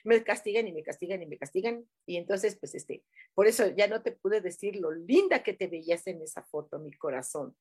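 A woman's voice: mid-range voice, expressive, normal speed, husky. A woman with a Mexican accent hosting a live stream, reading viewers' comments aloud and giving them affectionate, rambling spiritual messages with many fillers. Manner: warm, chatty, many fillers, affectionate terms. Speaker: livestream host giving angel messages. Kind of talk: casual live-chat reading.

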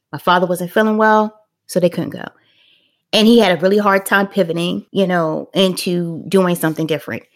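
A middle-aged woman hosting a parenting podcast, telling a family story in a casual, animated way, acting out the quotes and laughing often. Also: fairly low pitch.

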